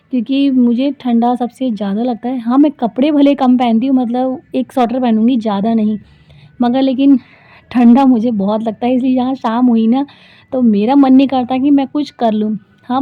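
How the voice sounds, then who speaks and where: A homemaker and vlogger in her thirties narrates a casual vlog voice-over in a slightly high voice. Her talk is chatty, rambling, and packed with fillers, and the recording is dry and thin, like a phone, with no echo.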